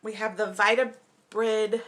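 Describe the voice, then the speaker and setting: A young woman vlogger chatting casually as she unboxes beauty products, upbeat and quick to call everything exciting. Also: mid-range voice, noisy background.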